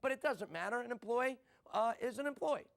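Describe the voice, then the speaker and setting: A man's voice: extremely high pitch, animated, a little fast, gravelly. A middle-aged man from the USA giving a motivational business seminar talk, asking rhetorical questions and repeating short punchy lines. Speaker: business speaker.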